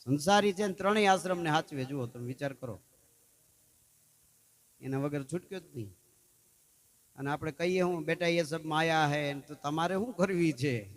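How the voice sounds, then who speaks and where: At a festival gathering, a folk storyteller speaks in a fairly high voice at a moderate pace, leaving long pauses. He mixes his tales with sung verses and repeatedly asks the crowd "hey?"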